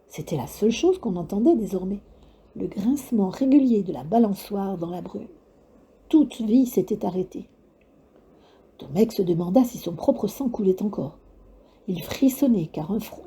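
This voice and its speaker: A woman narrating a children's novel aloud in a steady, suspenseful storytelling manner. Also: mid-range voice, breathy edge.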